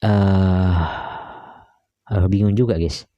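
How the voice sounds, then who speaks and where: A man talks through a reaction video in a low, warm, relaxed voice. He muses aloud with frequent hesitations and keeps tagging his sentences with "guys, ya." The sound is dry and close. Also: takes it slowly, no echo, highs cut off. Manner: keeps adding "guys, ya" tags and fillers; musing, hesitant. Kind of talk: casual reaction commentary.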